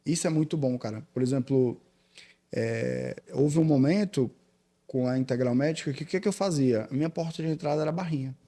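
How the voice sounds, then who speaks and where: Gravelly-voiced Brazilian man, relaxed. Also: mid-range voice, fairly quick. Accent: Brazilian Portuguese. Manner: relaxed, explanatory, addresses listener as "cara". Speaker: guest, sales director. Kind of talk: casual conversation.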